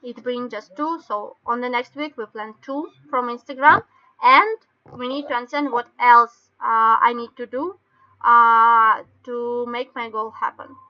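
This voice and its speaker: A woman with a Russian accent explains things step by step in halting non-native English, like an informal online training session. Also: fairly high pitch, steady tone. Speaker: webinar presenter. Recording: dull lo-fi webinar call audio.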